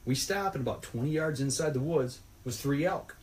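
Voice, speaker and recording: A man's voice: on the high side, fairly quick. Folksy man telling a fishing story. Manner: rambling, folksy, animated retelling. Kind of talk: casual storytelling.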